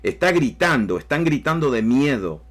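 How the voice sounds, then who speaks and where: A man's voice: medium pitch, very animated, moderate pace. A man preaching a sermon emphatically, with rising bursts and repeated phrases. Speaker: pastor.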